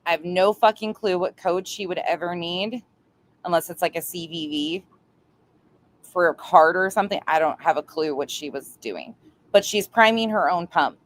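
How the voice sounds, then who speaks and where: A woman's voice: lowish voice, normal speed. A woman hosts a casual livestream from home and chats with her viewers. She teases, mocks and swears freely as she talks. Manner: chatty, mocking, swears freely. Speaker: livestream host.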